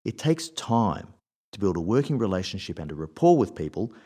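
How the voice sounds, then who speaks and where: A man's voice: fairly low pitch, sing-song, a little fast, warm tone, husky. A man, hosting a scripted advice talk and telling workplace anecdotes in a wry, conversational way.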